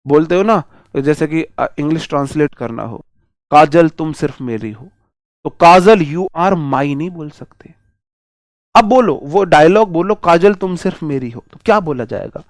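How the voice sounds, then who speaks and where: A man teaching English grammar to exam students, drawing out each example slowly and asking the class rhetorical questions. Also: a little high, lively intonation, no echo, studio quality.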